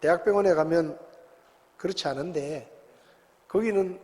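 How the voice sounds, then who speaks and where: A male pastor delivers a sermon in an easy, storytelling manner, often asking rhetorical questions. His voice sits a little high. The sound is wrapped in the long reverb of a church sanctuary. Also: normal speed, darkish tone.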